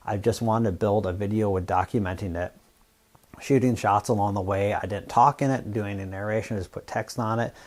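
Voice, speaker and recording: A man's voice: on the low side, a little fast. Laid-back man talking to camera. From Washington State, US Northwest. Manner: relaxed, rambling, plain-spoken. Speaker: YouTube fabrication channel host. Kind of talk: casual talk to camera.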